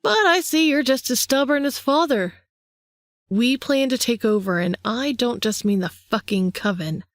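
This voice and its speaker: In a menacing, sing-song way, a woman voices a power-hungry vampire man taunting his younger brother. She pitches herself above her own voice, which sits on the high side, yet stays close to everyday speech at a moderate pace. The recording is dry and studio quality.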